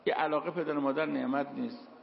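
Gravelly-voiced preacher in an echoey hall. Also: male voice, a little high, fairly even intonation, slight background noise. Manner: storytelling, quotes Quranic verses. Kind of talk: sermon with told anecdotes. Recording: echoey hall, dull lo-fi sound.

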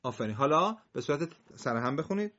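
A patient recitation teacher whose voice rises and falls a lot as it breaks each word slowly into syllables. The sound is dull and lo-fi, with muffled highs. The teacher slows way down to model each piece, then speeds back up to explain. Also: very animated, fairly bright tone. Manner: patient, spells words out syllable by syllable. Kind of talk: recitation lesson with a student.

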